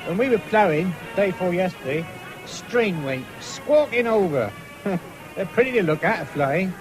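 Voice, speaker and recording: Voicing an easygoing, spendthrift young countryman with a rural English accent in a 1970s radio drama, an actor speaks in a high-pitched, expressive voice at a measured pace, teasing and hesitant in dialect. Music plays under him, and the old broadcast is noisy with fairground din.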